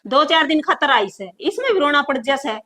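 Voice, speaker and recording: An actress playing a mother who tries to calm quarrelling family members, with a Haryanvi accent and a pleading, soothing manner. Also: sits high, fairly quick, exaggerated voice. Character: mother trying to calm her quarrelling daughters. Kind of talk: village family comedy drama.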